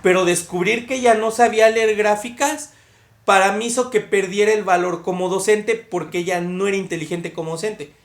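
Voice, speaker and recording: A young woman chats on a podcast, firm in her opinions and laughing at her own slips. Her voice sits at a middle pitch. The room is echoey. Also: brisk. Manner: opinionated, laughs at herself, argues her point at length. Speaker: podcast co-host. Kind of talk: casual conversation.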